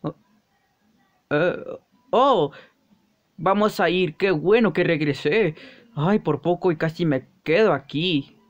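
A man's voice: fairly high pitch, takes it slowly, long pauses, muffled recording. A man doing a playful voice-over for a game parody, making his own sound effects. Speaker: YouTuber.

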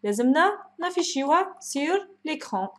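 A woman's voice: sits high, very animated, a little fast, a bit bright, a little hiss or hum. A woman lecturer with an Algerian Arabic accent, walking through a programming procedure, mixing in French terms and asking and answering her own questions.

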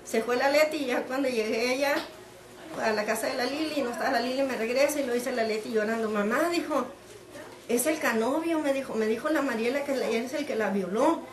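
A woman's voice: a little high, fast, crowd noise. A middle-aged woman from Mexico, telling an interviewer what happened to her daughter and acting out the dialogue as she goes. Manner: animated storytelling, acting out quoted dialogue. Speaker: interviewee, mother of the detained woman. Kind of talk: emotional personal account. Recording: echoey room.

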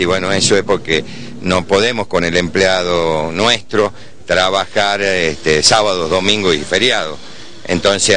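A middle-aged man with an Argentine accent answers reporters as a municipal official, explaining things in a halting, measured way. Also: fairly low pitch, sharp tone, a little hiss or hum. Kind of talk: press interview answers. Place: outdoors on a city street. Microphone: reporters' handheld microphones held close.

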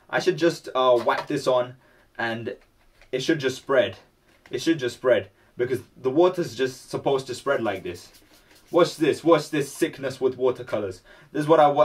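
A man's voice: mid-range voice, far from the mic. Rambling man chatting while painting. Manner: rambling, talks to himself. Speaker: vlogger. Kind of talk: casual chat while painting.

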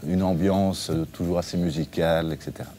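Deep-voiced restaurant owner, relaxed and chatty. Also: male voice, brisk, a little hiss or hum. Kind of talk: interview. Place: his restaurant dining room.

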